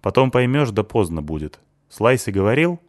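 A man's voice: lowish voice, very animated, moderate pace, no echo, clean studio sound, pitched above the performer's own voice. Male reader doing a tough, mocking teen girl in an audiobook, raised voice, clipped lines. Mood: grim. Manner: snappy, rude, mocking. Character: sharp-tongued, angry eighteen-year-old girl.

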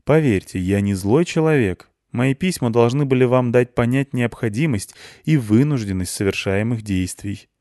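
A man narrating an audiobook voices a patient, formal school director who speaks in measured tones. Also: medium pitch, lively intonation, a little mellow, dry recording, clean studio sound, lightly acted. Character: calm, polite, morally compromised school director.

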